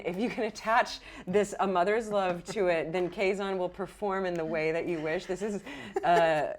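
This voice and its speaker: A woman with a medium-pitched voice serves as game master for a tabletop roleplaying game, explaining the rules and narrating. Her delivery is casual and improvised.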